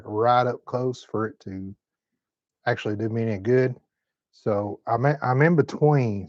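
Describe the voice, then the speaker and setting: A man's voice: mid-range voice, a little mellow, no echo, highs cut off. A man of fifty hosting a live-stream chat from his home, reading viewer comments in a folksy, laid-back Southern way. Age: 50s. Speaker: host.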